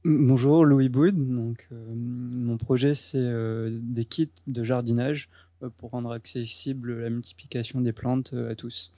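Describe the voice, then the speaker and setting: A young man presenting his project in a slow, halting way. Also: mid-range voice, steady tone, mellow, dry recording. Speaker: former program participant. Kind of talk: short project pitch.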